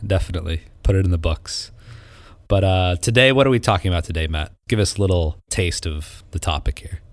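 A man's voice: deep voice, a little fast, no echo, clean studio sound. A man co-hosting a podcast in a casual, conversational way, asking questions and adding comments. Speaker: podcast co-host.

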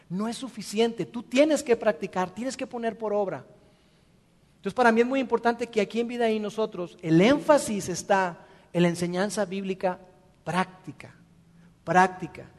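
A high-pitched man preaches, earnest and direct. He drives points home by repeating them and speaks straight to the listener. His voice rings with the long reverb of a large hall. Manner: earnest, repetitive emphasis, direct address to listener. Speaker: pastor. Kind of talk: sermon.

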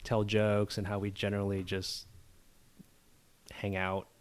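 A young man hosts a casual podcast in a low, soft-spoken voice. He talks in a hesitant, relaxed way with lots of fillers. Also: a little slow, clear, resonant tone. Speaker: podcast host.

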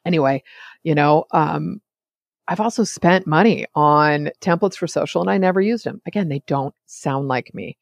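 A woman talks through her solo podcast in a loose, chatty way, drifting off on side notes and pulling herself back. Her voice carries a gravelly fry at the edges, and the recording is dry with no room sound. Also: low-pitched, normal speed, dry recording. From California. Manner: chatty and digressive, often sidetracking herself. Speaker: podcast host. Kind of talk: casual solo podcast monologue.

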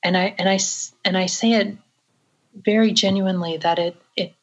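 A woman's voice: mid-range voice, fairly even intonation, moderate pace, highs cut off. A woman audiologist telling a story in an interview, earnest and reflective, with frequent "you know" fillers.

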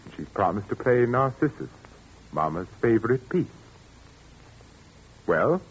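A man's voice: medium pitch, big pitch swings, measured pace, breathy edge. An actor playing an overwrought, commanding widowed father with genteel menace, in 1940s radio suspense style. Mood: genteel, insistent. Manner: theatrical, commanding. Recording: muffled, noisy 1940s radio recording.

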